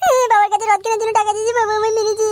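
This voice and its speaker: A woman plays a cheeky, crude young boy in a comic cartoon. He is high-pitched and whiny. He fires off his lines at breakneck speed, always pestering for money. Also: very fast, sharp tone, no echo.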